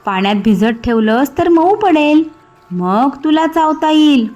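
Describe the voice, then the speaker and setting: A woman's voice: high-pitched, sing-song, unhurried, darkish tone, muffled recording. A woman voicing a clever, sly little male tortoise in a children's cartoon story, coaxing sweetly.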